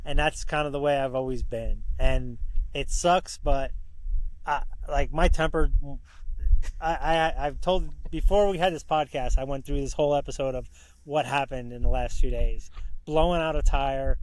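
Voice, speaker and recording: A man's voice: medium pitch, steady tone, moderate pace, low-quality recording. A middle-aged man telling stories casually and frankly as a podcast guest, self-deprecating and mildly profane. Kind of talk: casual, candid storytelling.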